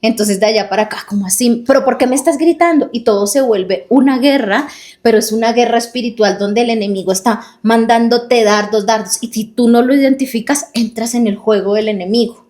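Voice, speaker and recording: A woman's voice: on the high side, fairly even intonation, fairly quick, a little mellow. A woman co-hosting a casual faith podcast, telling stories earnestly and acting out the quoted dialogue in them. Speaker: podcast co-host.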